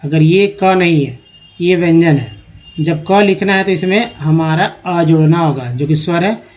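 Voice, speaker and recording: A man with a high voice gives an online reading lesson. He speaks at an unhurried pace, stretching out each word as he drills its pronunciation and calls his viewers friends. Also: a little mellow, highs cut off. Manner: addresses viewers as friends, explanatory. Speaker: English reading teacher.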